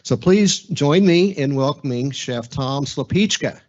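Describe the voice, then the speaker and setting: A man hosting an event, reading a speaker introduction with relaxed asides and fillers. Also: a little high, a little slow, muffled recording. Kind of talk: introduction speech.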